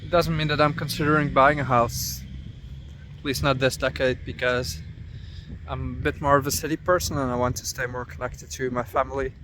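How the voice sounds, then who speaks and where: A young man vlogging while walking outdoors through a small town, musing aloud in a relaxed, casual way. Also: mid-range voice, a little fast, slight background noise. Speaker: travel vlogger. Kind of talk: casual walking vlog narration.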